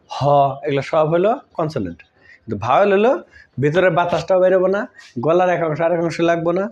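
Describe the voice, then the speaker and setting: Guy teaching grammar, kinda high voice, slightly muffled audio. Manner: conversational, asks pupils checking questions. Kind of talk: informal classroom explanation.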